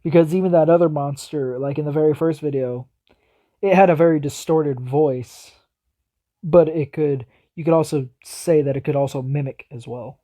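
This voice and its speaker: A man's voice: fairly high pitch, steady tone, moderate pace, mellow. A man hosting a reaction video, talking casually and musing aloud as he speculates.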